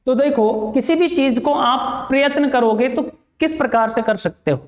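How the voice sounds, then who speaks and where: Male teacher, very high voice, roomy classroom sound, drills students with repeated questions. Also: expressive. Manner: repeats questions to students and answers them himself; recites letters slowly one by one. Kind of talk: classroom grammar lesson.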